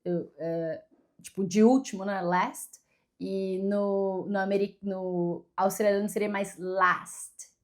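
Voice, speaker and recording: A woman's voice: medium pitch, steady tone, measured pace, warm tone. A young adult woman from Brazil, a native Portuguese speaker, chatting to camera in a casual vlog, self-deprecating and full of fillers and restarts. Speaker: vlogger.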